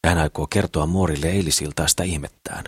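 A man reading a novel aloud as audiobook narrator, steady and measured. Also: extremely low pitch, husky, no room sound, studio quality. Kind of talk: scripted narration.

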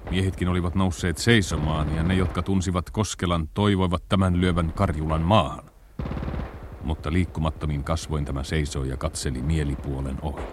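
Low-voiced male radio drama narrator. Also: noisy background. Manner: steady, plain reading. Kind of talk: scripted radio play narration.

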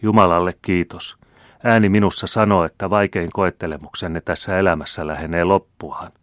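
A man's voice: low voice, fairly even intonation, no room sound, clean studio sound, lightly acted. A man reading aloud the lines of a devout old woman, speaking solemnly and fervently as if preaching.

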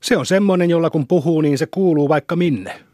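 A man's voice: on the high side, a little mellow, no echo, studio quality, close to an everyday voice. A man voicing a boastful little village boy who eagerly explains things he half understands.

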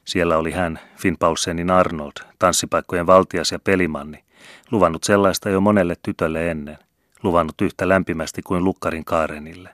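A man reading a novel aloud as an audiobook narrator, with a measured, even storytelling delivery. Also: low voice, dry recording, studio quality. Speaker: audiobook reader. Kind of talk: scripted literary narration.

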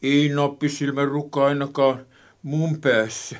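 A man's voice: medium pitch, level tone, close to an everyday voice. A man voicing a kindly, fumbling man in a children's radio play, stammering through hesitant restarts. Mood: homely. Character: kindly, fumbling man cooking fish soup.

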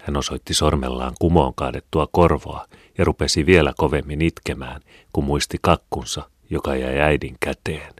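Very deep-voiced male narrator. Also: dry recording, clean studio sound. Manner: calm, measured reading. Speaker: audiobook narrator. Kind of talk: scripted narration.

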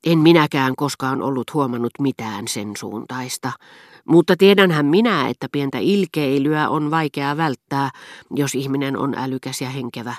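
A woman's voice: a bass voice, no room sound, clean studio sound. Woman reading as a fretful refined princess. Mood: worried. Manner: anxious, eager to please.

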